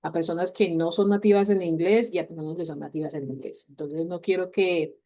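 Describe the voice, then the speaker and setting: A woman's voice: fairly low pitch, steady tone, brisk, warm tone. A woman teaching a class on English grammar, explaining step by step and mixing English words into her speech. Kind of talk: online class walkthrough.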